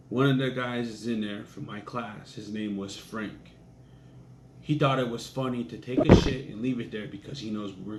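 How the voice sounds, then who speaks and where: A man's voice: lowish voice, a little mellow. A young man casually telling a crude personal anecdote in a laid-back, profane way. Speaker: storyteller. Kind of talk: casual storytelling. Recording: echoey room with faint ambient noise.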